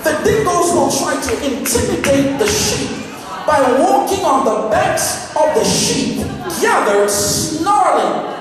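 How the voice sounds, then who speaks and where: Male pastor with a very high, fervent preaching voice, recorded distant in a big reverberant sanctuary. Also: expressive, slow. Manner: impassioned preaching with shouted, repeated refrains. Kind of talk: sermon. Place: church sanctuary. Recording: echoey church hall, distant mic, organ music and congregation.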